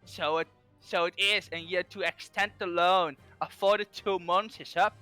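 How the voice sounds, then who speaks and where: A Dutch-speaking man voicing a gruff middle-aged coachman in a hammy put-on Irish accent that keeps slipping. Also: high voice, fairly even intonation, moderate pace, bright, forceful tone, faint music behind. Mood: scheming.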